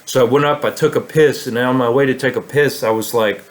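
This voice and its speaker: A man's voice: mid-range voice, fairly even intonation, brisk. Rambling man telling a story. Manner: rambling, many fillers and restarts. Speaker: vlogger. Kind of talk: casual storytelling monologue.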